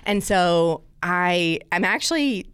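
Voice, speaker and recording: Bubbly low-voiced woman from Alabama. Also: expressive, takes it slowly, a bit bright, smooth, no echo. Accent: Southern US, mild. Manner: bubbly, gushing, laughs often. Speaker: guest, church team member. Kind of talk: casual interview chat.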